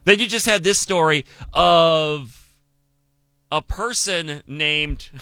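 A man's voice: on the high side, slow pace, pushed and bright, clean tone, no echo. A man from the United States hosting a political commentary show, talking emphatically and asking rhetorical questions.

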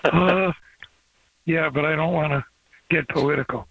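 Older guy on an old flip phone call, gravelly husky voice, kinda rambly. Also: on the high side, fairly even intonation, a little slow, fairly bright tone, no echo. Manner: rambling, hops between topics. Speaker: caller. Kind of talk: casual call-in chat. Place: outdoors. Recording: dry, tinny phone line.

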